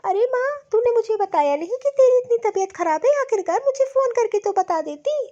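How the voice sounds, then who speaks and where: Woman voicing a very high-pitched devoted young wife. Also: animated, a little fast, mellow. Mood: earnest. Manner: earnest, eager to please. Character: young dutiful devoted daughter-in-law. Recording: dull lo-fi audio.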